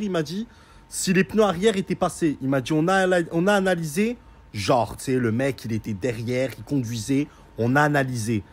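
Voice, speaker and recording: A young man telling a story in a casual, sarcastic rant, mocking and animated as he recounts events. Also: on the high side.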